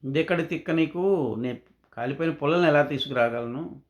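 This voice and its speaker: A man's voice: fairly high pitch, fairly quick, natural voice. A man voicing a troubled, exasperated mother. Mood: pleading. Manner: pleading, exasperated. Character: troubled poor mother, protective.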